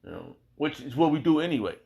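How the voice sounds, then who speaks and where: A man with an American accent gives an informal scripture lesson, colloquial and forceful, repeating himself and asking rhetorical questions to keep listeners with him. He talks fast in a slightly high, sing-song voice that is creaky and a little mellow.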